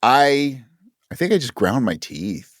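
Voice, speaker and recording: An actor and audio drama writer speaks as a guest in a casual podcast interview, in a reflective and self-deprecating way. His medium-pitched voice swings widely in pitch at a slow pace, and the studio sound is clean with no room echo.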